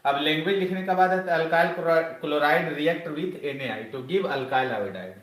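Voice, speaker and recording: Guy teaching chemistry online, highish voice, makes the kids shout stuff back, scolds them a bit. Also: measured pace. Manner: loud call-and-response drilling, chiding students. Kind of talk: online class lecture.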